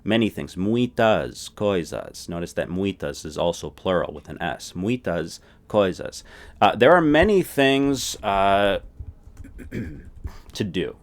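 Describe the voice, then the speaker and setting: In a recorded language lesson, a man with a very low voice explains each point patiently, slowly and expressively, often checking in with "right?"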